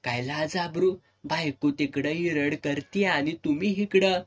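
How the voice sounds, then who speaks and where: A man's voice: fairly high pitch, a little slow, husky. A man voicing an anxious, scolding village aunt, in a serialized audio novel.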